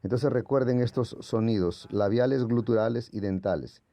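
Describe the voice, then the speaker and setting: A man's voice: medium pitch, normal speed, mellow, no echo. A man whose first language is Portuguese gives a patient, explanatory lecture as a Greek language teacher, sounding out letters as he goes. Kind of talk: classroom lecture.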